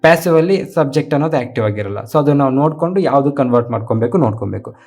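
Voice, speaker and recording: Dark-voiced teacher explaining grammar. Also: male voice, mid-range voice, animated, rapid-fire. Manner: patient, repetitive explaining with frequent check-in questions. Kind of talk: exam-prep grammar lesson, explaining step by step.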